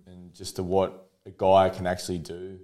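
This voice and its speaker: A man in his thirties with an Australian accent, talking candidly as a podcast guest. His voice sits on the lower side, and he tells personal stories in an open, easygoing way, often breaking into a laugh. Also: completely flat delivery, normal speed, darkish tone. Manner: open, storytelling, laughs easily. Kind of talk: casual conversation.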